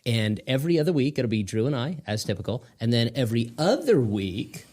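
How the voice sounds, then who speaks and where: A man's voice: medium pitch, big pitch swings, brisk, a little mellow. A middle-aged man co-hosting a podcast, bantering casually in a playful, teasing way with jokey asides. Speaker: podcast co-host.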